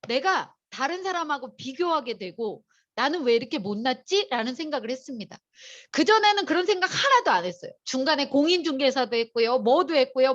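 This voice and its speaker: A woman lectures an audience with chatty, animated storytelling, her voice high and swooping up and down. She talks straight to the listeners in a motivational seminar. The recording is dull and lo-fi.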